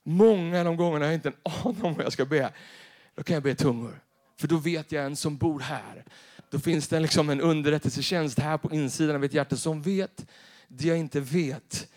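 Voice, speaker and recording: A man preaching a sermon in a church, animated and storytelling, acting out characters as he goes. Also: fairly high pitch. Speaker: pastor.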